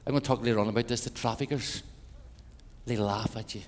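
An older man with an Irish accent, a missionary preacher telling animated, joking stories in a sermon to a congregation. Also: mid-range voice, fast talker. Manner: animated, jokey storyteller. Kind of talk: storytelling sermon. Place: church hall with a congregation. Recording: echoey hall, faint ambience.

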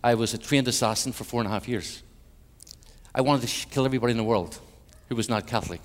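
Irish man preaching in reverberant church. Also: fast talker. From Ireland. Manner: dramatic, swings between loud emphatic peaks and hushed low passages; wry humorous asides. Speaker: guest preacher, minister to Europe. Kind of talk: evangelistic sermon with personal testimony. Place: large church sanctuary. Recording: church hall with long reverb.

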